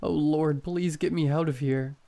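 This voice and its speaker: A man's voice: on the high side, steady tone, a little slow, vocal fry, warm tone. A man voicing a maimed male prisoner, desperately pleading in a horror story. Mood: terrified begging. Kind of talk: acted dialogue in horror storytelling.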